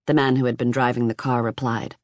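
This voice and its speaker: Measured audiobook narrator, dry booth sound. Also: medium pitch, level tone, dry recording. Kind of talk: scripted nonfiction narration.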